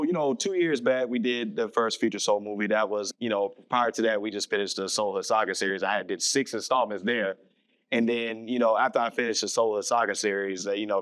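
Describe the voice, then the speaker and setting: A man's voice: on the low side, fairly bright tone, no room sound. A man from the US South, a filmmaker guest chatting on a podcast, rambling and self-correcting with easy laughs. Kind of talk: casual podcast interview.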